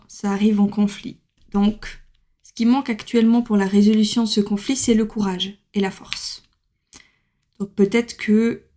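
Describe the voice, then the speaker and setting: A woman's voice: mid-range voice, darkish tone. A woman giving a casual tarot reading to camera, chatty, with many fillers and laughs. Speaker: tarot card reader.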